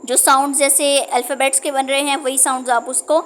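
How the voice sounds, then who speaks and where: A woman's voice: sits high, a little hiss or hum. A woman with a sore throat giving a lesson to Quran tutors, explaining steadily and checking in often. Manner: steady explaining tone with frequent "theek hai" check-ins. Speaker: Quran teacher training tutors. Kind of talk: instructional talk.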